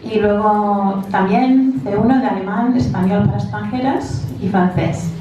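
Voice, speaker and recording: A woman with a non-native, English-speaking accent in Spanish gives an informal conference presentation as a teacher, haltingly searching for words. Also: mid-range voice, dull audio. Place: large echoey indoor room. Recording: very echoey room, distant mic, faint noise.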